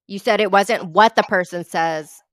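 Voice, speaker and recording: Blunt woman with a smooth voice. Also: medium pitch, moderate pace, no room sound, studio quality. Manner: blunt, confrontational, swears often. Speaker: voice chat participant. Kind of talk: casual chat.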